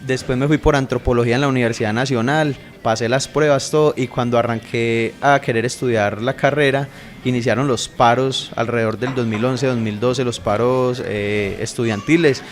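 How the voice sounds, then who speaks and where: A Colombian man in his thirties, a podcast guest chatting casually and telling his own story in a relaxed way. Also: medium pitch, moderate pace. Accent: Colombian Spanish. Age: 30s. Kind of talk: casual interview chat.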